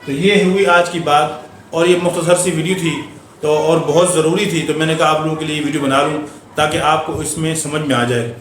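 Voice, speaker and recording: A man's voice: fairly high pitch, steady tone, moderate pace. A man teaching Quran recitation in a patient manner, explaining the rules and drawling syllables in a chanting voice. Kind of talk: explaining tajweed with chanted spelling. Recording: echoey room with faint hum.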